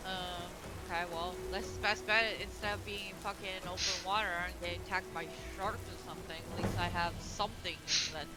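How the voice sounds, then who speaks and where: High-voiced swearing player, music behind. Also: male voice, fairly even intonation, fairly quick, hardly any pauses, low-quality recording. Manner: casual, swears and laughs between moves. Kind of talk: casual tabletop play.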